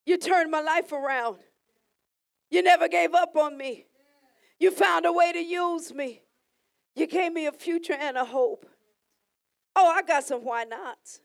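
A woman's voice: very high voice, unhurried, creaky, long pauses. A woman preacher delivering an impassioned sermon prayer, fervently repeating phrases in a rising cadence.

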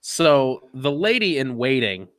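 A man's voice: mid-range voice, very animated, slow, dry recording. Easygoing man on a dry close mic. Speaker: podcast co-host. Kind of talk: casual podcast chat.

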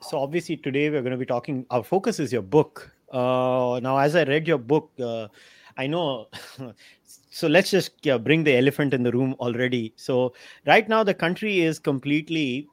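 A man's voice: medium pitch, moderate pace, no echo. Indian podcast host, man, dry close sound. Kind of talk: conversational interviewing.

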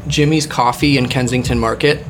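A man's voice: medium pitch, steady tone, normal speed, background noise. A man hosting a casual podcast chat, rambling with many fillers and the odd swear word. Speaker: podcast host.

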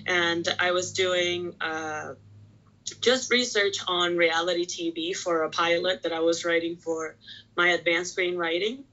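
A woman's voice: lowish voice, steady tone, unhurried, pushed and bright, muffled recording. A woman in her twenties from Puerto Rico, chatting casually as a podcast guest and peppering her talk with "like". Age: 20s. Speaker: pro wrestler, podcast guest. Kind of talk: casual chat.

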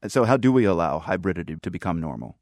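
Low-voiced male radio host, dry studio. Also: fast talker, no echo. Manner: steady, clear delivery. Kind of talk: news interview and scripted narration.

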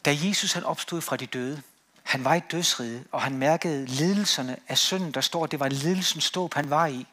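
Earnest preacher with a slightly high voice. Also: male voice. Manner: emphatic, rising on key words then dropping to quiet. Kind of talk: sermon. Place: church.

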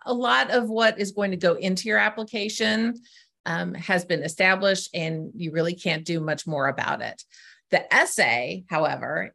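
As a podcast guest, this middle-aged woman gives explanatory answers about her job as an essay coach, walking through it earnestly one step at a time. Her voice sits on the lower side, creaky yet fairly bright.

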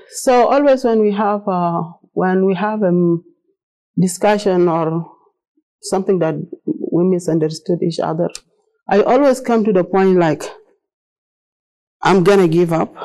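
With a lowish, warm voice, a middle-aged woman gives an earnest presentation about her own experiences. She comes from South Sudan, speaks Arabic and Dinka natively, and uses plain non-native English with a South Sudanese accent. The audio quality is poor.

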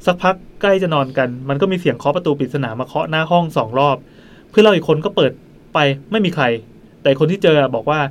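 A man hosting a podcast, telling a ghost story in a quick, chatty way into a studio mic. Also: a little high, animated. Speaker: podcast host.

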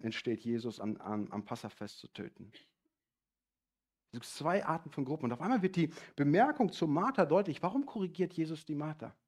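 A young man preaching a sermon, animated and rising to loud, emphatic passages. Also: mid-range voice.

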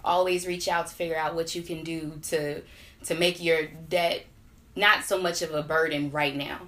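Bright-voiced young woman, chatty and animated. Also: low voice, moderate pace. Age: 20s. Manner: animated, laughing storyteller. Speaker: podcast guest. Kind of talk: casual chat.

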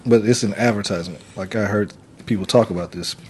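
A man co-hosting a casual podcast, making his points patiently between steady agreement. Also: on the low side, fast, slight background noise. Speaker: podcast co-host.

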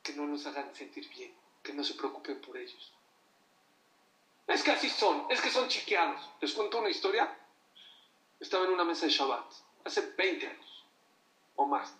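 A man's voice: on the high side, animated, moderate pace, pauses often, sharp tone. Emphatic man preaching, echoey. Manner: emphatic, asks the audience rhetorical questions. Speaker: religious teacher addressing an audience. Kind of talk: sermon. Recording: echoey room, voice from far off.

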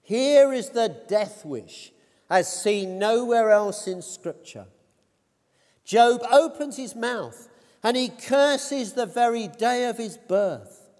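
A man with a high, light voice preaches a sermon at an unhurried pace. He speaks in a measured, deliberate way, lifting his voice on quoted cries. His words ring with the long reverb of a large church hall. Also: animated, darkish tone.

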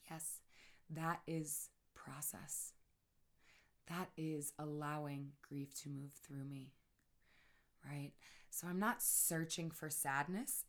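Woman, deep low voice, soft earnest delivery, hushed near-whisper at times, reflective personal monologue. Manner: keeps checking in with "right?". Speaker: person sharing her grief process.

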